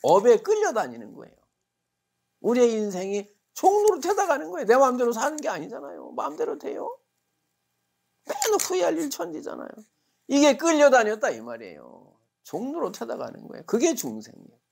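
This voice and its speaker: Male buddhist monk giving a sermon, gravelly voice, pitch jumping all over. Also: a little fast. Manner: lively storytelling with acted-out quotes, rhetorical questions.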